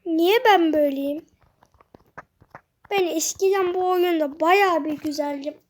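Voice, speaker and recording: A child giving excitable commentary while playing a video game, talking to themself. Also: very high-pitched, slow. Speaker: gamer. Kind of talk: gameplay commentary.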